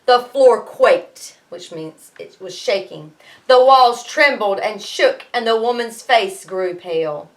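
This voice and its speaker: A schoolteacher reads a storybook aloud to her students in a high, animated voice, pausing for explanatory asides. She takes it slowly, her manner expressive and explanatory.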